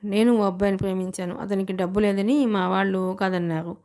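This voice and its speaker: A woman voicing a proud, sharp-tongued young bride in an audiobook, with scolding lines. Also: mid-range voice, steady tone, a little fast, close to an everyday voice.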